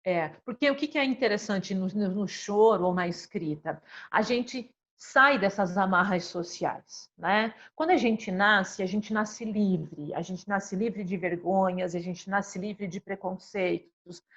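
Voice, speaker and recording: A woman with a Brazilian accent speaks as a psychologist in an easygoing conversational talk. She is expressive and earnest and keeps tagging her phrases with little questions. Her mid-range voice comes through a slightly dull, lo-fi recording. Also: mid-range voice, a little slow, few pauses. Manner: constantly adds tag questions, expressive and earnest.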